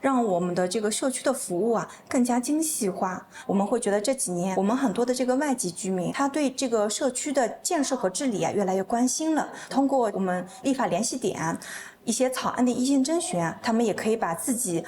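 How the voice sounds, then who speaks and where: Woman, official, formal interview, steady, higher pitch. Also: brisk. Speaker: community official. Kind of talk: interview statement.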